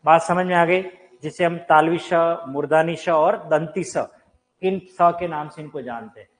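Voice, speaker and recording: At a measured pace and fairly high pitch, a teacher conducts a live online Hindi grammar class in a room with a board. He speaks directly to his audience, quizzing them and answering his own questions, in a rough recording.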